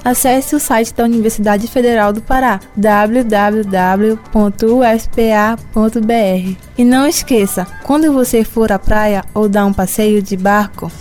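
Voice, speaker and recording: A Brazilian woman with a fairly high voice reads a scripted report for a children's programme. Light music runs underneath. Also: measured pace, hardly any pauses, a little mellow.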